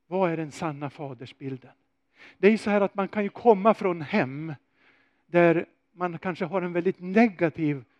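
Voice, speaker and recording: A man preaching a sermon, telling a story with animated swings and rhetorical questions. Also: fairly high pitch, no room sound.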